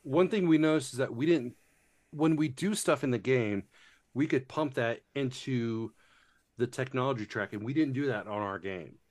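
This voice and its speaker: A man's voice: mid-range voice, normal speed, darkish tone. A man casually chatting about board games, rambling with lots of fillers and restarts and casual swearing. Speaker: board game reviewer. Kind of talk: casual chat.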